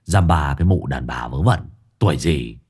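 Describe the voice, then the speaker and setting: A man doing a coarse, foul-mouthed young lout, low and rough, blustering one moment and whimpering the next, with a swinging tone, for a storybook reading. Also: lively intonation, fast, darkish tone, exaggerated voice. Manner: coarse, swearing, grumbling. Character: gruff loutish young man, cowardly bully.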